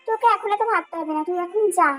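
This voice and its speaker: Woman as a scolding middle-aged mother, very high-pitched, for a dubbed fan drama. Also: fast talker, fairly bright tone, faint music behind. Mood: bossy. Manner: scolding, giving orders.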